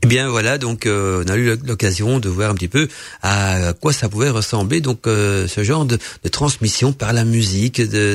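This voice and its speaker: Radio host, male, Belgian French accent, casual live chat, dry close sound, halting delivery with lots of fillers. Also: medium pitch, no room sound. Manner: hesitant, many fillers and repeated words.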